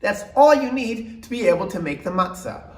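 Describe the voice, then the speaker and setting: A man in his thirties presenting an instructional children's show, with exaggerated sing-song emphasis and drawn-out words. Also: high voice, big pitch swings. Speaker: children's show host and rabbi. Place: indoor room with mock bakery set. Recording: roomy indoor echo.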